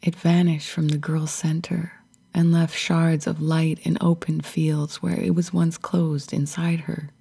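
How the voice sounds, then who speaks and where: A woman storyteller eases through a calming tale in a half-whispered hush. Her voice sits low and gravelly, and the pace is unhurried. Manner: slow, hushed, half-whispered delivery. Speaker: podcast host and storyteller. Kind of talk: soothing spoken story.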